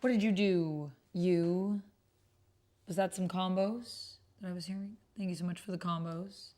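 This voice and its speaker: This streamer has a fairly low, mellow voice with a steady tone and a measured pace. She runs an online roleplaying game, chatting in a relaxed way, thinking out loud and now and then muttering under her breath.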